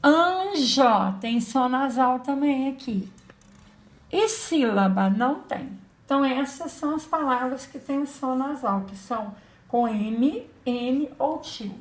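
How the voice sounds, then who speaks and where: A woman's voice: sits high, animated, slow. A woman teacher giving a patient children's lesson, spelling out letters and sounds. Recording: echoey room.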